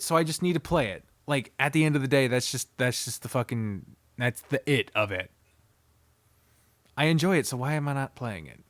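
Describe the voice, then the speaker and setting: A visual novel streamer and reviewer gives a casual, unscripted video review, rambling candidly and swearing freely. His medium-pitched voice has a fairly bright tone, captured in a dry recording.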